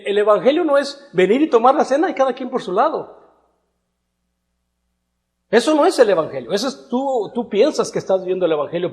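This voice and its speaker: Preacher man in a reverberant church. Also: high voice. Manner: conversational, building to emphatic rhetorical questions. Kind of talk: sermon. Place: church hall. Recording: long reverb of a church hall.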